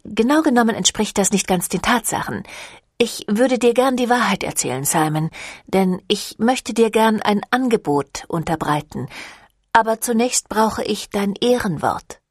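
A woman voicing a seductive, ancient female vampire clan leader in an audiobook, with a silky, teasing manner that drops into breathy whispers. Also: mid-range voice, lively intonation, normal speed, no room sound, studio quality. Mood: coaxing. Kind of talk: audiobook reading.

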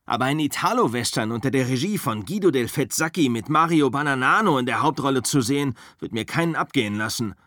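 A man's voice: mid-range voice, lively intonation, fast talker, few pauses, bright, forceful tone, dry recording, clean studio sound, pitched above the performer's own voice. A man reading an audiobook, voicing a bitter, hot-tempered male actor who rants and curses about his failing career. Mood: ranting. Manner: angry, cursing, ranting. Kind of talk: audiobook character voice.

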